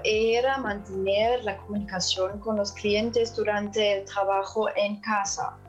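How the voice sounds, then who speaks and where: Woman, German accent, non-native speaker. Expert interview guest, unhurried and hesitant, music underneath. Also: medium pitch, flat delivery, highs cut off. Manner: hesitant, searching for words. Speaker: interview guest, customer service technology expert. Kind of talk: interview answers.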